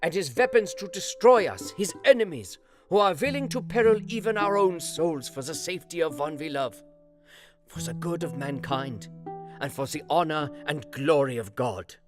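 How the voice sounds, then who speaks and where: A man's voice: a little high, lively intonation, normal speed, music in the background, lightly acted. Van Helsing, a man doing an elder. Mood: impassioned. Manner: broken grammar, impassioned oratory. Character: elderly Dutch vampire hunter, fervent, scholarly. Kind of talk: audio drama reading.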